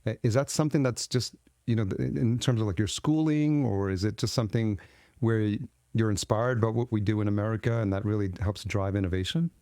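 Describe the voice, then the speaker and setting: A male podcast host with a low, mellow voice asks his guest questions and feels his way through them as he speaks. The recording is dry and close, with no room sound. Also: steady tone, fairly quick, dry recording. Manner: searching, loosely phrased questions. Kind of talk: conversational interview questions.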